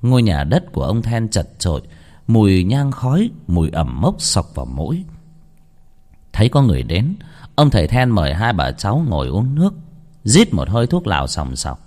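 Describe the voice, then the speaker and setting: A man narrates a ghost story in a low voice that climbs and falls with a lot of movement. His reading is dramatic and expressive, and a long reverb trails behind each line. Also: moderate pace.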